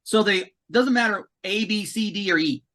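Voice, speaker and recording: Emphatic male podcast guest, high voice with a bright edge. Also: moderate pace. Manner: emphatic and animated, repeats words. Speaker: commissioning consultant, podcast guest. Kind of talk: casual podcast conversation.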